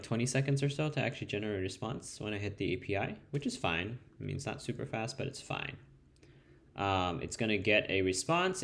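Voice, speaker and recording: A man with a fairly low, gravelly, fairly bright voice walks through a casual screen-share coding tutorial. Spanish is his first language. As a developer demoing code, he stays loose and conversational, full of ums and restarts.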